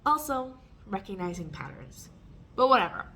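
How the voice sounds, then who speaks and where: A woman English teacher reading a simple story aloud slowly and clearly, pausing for learners and explaining in a casual way. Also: mid-range voice, sing-song, sharp tone, slight background noise. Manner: slow, clear and deliberate, with pauses for repeating.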